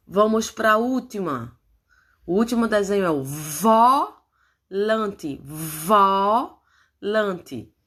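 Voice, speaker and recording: A woman's voice: mid-range voice, gravelly. A woman teacher leading a phonics lesson for young children, stretching out syllables and coaxing them to answer. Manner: slow, drawn-out syllables, animated coaxing.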